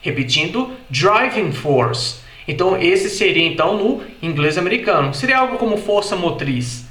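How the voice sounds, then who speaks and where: A man with a Brazilian Portuguese accent giving an explanatory video lesson, repeating example words slowly and carefully. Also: high-pitched, lively intonation, a bit bright, echoey room. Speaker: English teacher.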